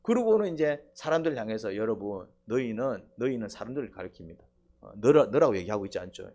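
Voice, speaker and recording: Pastor, very animated pitch. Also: male voice, fast talker. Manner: quizzes the congregation with rhetorical questions and prompting 'eh?'. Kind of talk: sermon.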